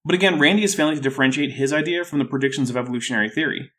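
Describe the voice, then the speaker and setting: A man's voice: on the high side, racing, fairly bright tone. A man with a thick, sore-throated voice hosting a scripted rebuttal video in a dry, skeptical way. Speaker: YouTube host.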